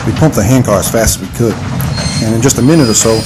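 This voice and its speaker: In an audio drama, a man plays an earnest, folksy adventurer narrating his own tale. His mid-range voice sounds close to everyday speech, with lively intonation and a quick pace, and music runs underneath.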